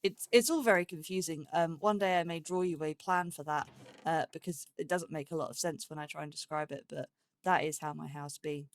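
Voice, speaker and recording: A low-pitched woman's voice moving fairly quickly. She hosts a let's play with chatty, casual commentary, voicing her thoughts as she goes and talking to animals in the game.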